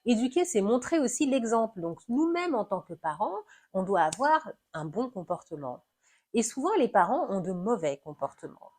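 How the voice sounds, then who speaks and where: A woman talking through parenting in an animated, explanatory conversation, acting out little examples as she goes. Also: medium pitch, moderate pace. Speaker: guest discussing parenting. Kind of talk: conversational discussion.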